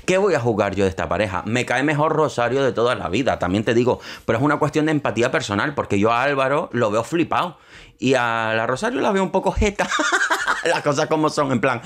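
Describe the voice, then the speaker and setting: A man's voice: medium pitch, expressive, a bit bright. Sarcastic, opinionated young man. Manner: sarcastic, opinionated, mocking asides; quick shifts into quoting others. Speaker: youtuber commenting on reality TV. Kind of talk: casual commentary.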